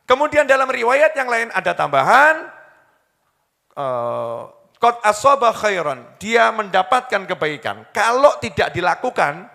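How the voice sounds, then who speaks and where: A preacher delivers a sermon, folksy and humorous, often teasing his listeners. His voice sits high and sounds bright. It rings out with a long hall reverb. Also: sing-song, measured pace, creaky.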